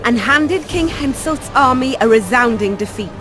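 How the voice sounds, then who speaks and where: Woman playing proud Queen Saskia, fairly high voice. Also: expressive, moderate pace, music in the background, lightly acted. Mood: proud, firm. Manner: formal, firm. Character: proud, defiant young rebel queen. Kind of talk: video game dramatic dialogue.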